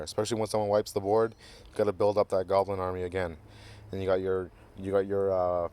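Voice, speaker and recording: A man hosting a casual card game review, reading card text aloud and cracking goofy jokes. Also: on the low side. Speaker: card game channel host.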